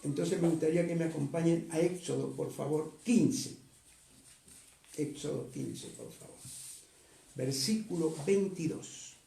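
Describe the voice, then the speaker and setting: A man, a pastor preaching a sermon, reading scripture slowly and then urging his congregation with rising force. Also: a little high, vocal fry, mellow, roomy sound.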